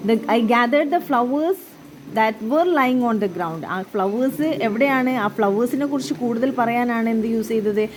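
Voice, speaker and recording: Malayali woman English teacher, unhurried, asks and answers her own questions, highish voice, audible background noise. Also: darkish tone, low-quality recording. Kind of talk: classroom explanation mixing English and Malayalam.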